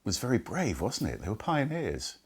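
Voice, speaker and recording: A man reporting as a news correspondent, narrating a scripted regional news piece in a measured delivery. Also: fairly low pitch, wildly swooping pitch, husky.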